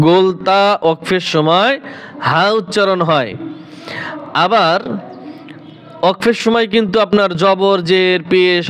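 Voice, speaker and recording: A man teaching Quran recitation to learners. He spells words out letter by letter in Bangladeshi Bengali, then chants them in a drawn-out recitation. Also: high voice.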